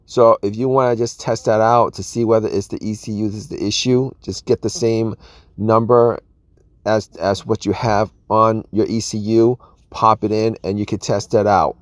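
With no room sound, a man with a fairly low pitch and fairly even intonation casually walks through a car repair at normal speed, outdoors by an open engine bay. This video host rambles, often using "all right" and "you guys."

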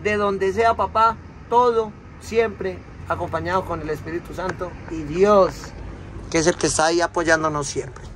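A Colombian-accented trucking owner and vlogger in his thirties walks through his outdoor truck yard and cab, filming with a phone at arm's length. His high voice is a bit bright with fairly even intonation and moderate pace, and he chats lovingly, full of diminutives. A little hiss or hum runs under it.

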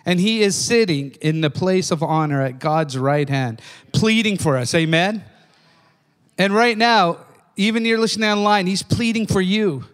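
Older male preacher, high voice, fervent sermon delivery, long hall reverb. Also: normal speed, a bit bright. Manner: fervent, repeats "amen?" to the congregation. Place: church.

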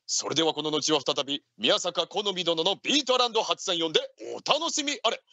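A man's voice: fairly high pitch, lively intonation, quick pace, sharp tone, no echo, lo-fi sound. A man hosting a live radio show in a ninja leader persona, chatting in theatrical, archaic samurai-style speech with lordly wording. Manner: theatrical, old-fashioned lordly wording like an elder warrior.

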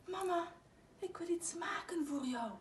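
A woman's voice: very high-pitched, lively intonation, a little slow, slight background noise, pitched above the performer's own voice. A woman voicing a little girl bear cub who is eager and earnest, with a childlike, insistent manner, read aloud from a storybook. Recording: echoey room, mic at a distance.

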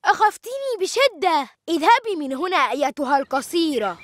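An actor voices a cheeky young cartoon boy who teases and sarcastically mocks his siblings in animated dialogue. The voice is very high, animated and fairly quick, with background noise, and the mood is teasing.

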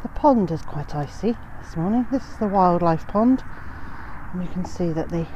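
This fifties-aged homesteading vlogger, mildly stuffed up from a cold, rambles warmly with lots of "uh" as she walks a frosty garden, phone at arm's length. Her fairly low voice is expressive at a normal speed; the recording is low quality with slight background noise.

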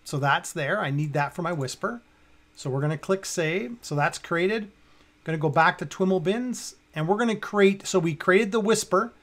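A Canadian man in his fifties with a fairly high voice walks through a piece of software at a computer indoors. Speaking casually at a normal speed, he talks himself through each step as he works on screen.

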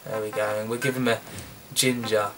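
A man's voice: lowish voice, level tone, fairly quick, far from the mic, a little hiss or hum. A sniffly British man casually commenting on a game he is playing, chatty and joking, talking back at the screen. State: a bit sniffly. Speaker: gameplay commentator. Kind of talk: casual let's-play commentary. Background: loud game music.

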